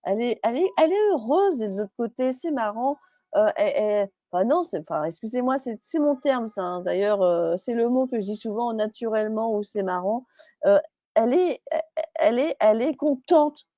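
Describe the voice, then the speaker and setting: A woman's voice: fairly high pitch, animated, fairly quick, warm tone, no echo. A woman medium on a live stream, chatty and hesitant, with many fillers and restarts, relaying messages as quoted speech.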